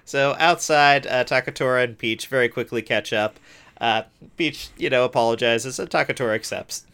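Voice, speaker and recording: A man's voice: medium pitch, moderate pace, sharp tone, smooth. Wry man summing up plot with sarcasm. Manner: wry, sarcastic summaries with many uh fillers. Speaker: podcast co-host. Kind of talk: casual chat recapping a TV episode.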